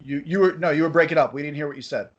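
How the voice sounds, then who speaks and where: A man's voice: on the high side, rapid-fire. Casual man heard over a voice chat call. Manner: loose and casual, swears, restarts words. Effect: remote voice over an online voice-chat call. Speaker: interviewer. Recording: dull lo-fi voice-chat audio.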